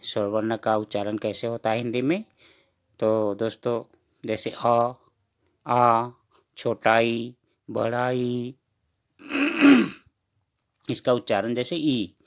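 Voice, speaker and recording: A man teaches letters of the alphabet, saying each sound on its own. His voice sits fairly low and he speaks very slowly, pausing between items. He often turns to his viewers as friends while he goes through the list. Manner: reads letters one by one, repeating them slowly, addresses viewers as friends. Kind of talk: slow spoken lesson reading out letters.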